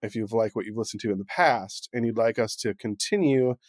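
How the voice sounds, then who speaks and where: A man's voice: fairly low pitch, brisk, dry recording, studio quality. A man co-hosting a casual podcast, joking loosely and talking with many fillers and restarts. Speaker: podcast co-host.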